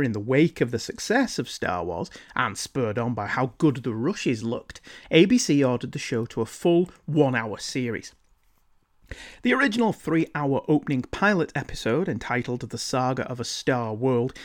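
A man hosting a podcast, reading scripted narration with measured, emphatic phrasing. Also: mid-range voice. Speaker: podcast host.

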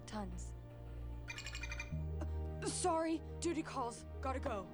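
An actress playing an earnest young superheroine in a children's series, forcing her voice deeper and more serious. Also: expressive, slow, loud music behind the voice. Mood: earnest, dutiful. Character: female Pink Ranger, earnest, brave young superhero. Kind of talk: live-action children's superhero series acting.

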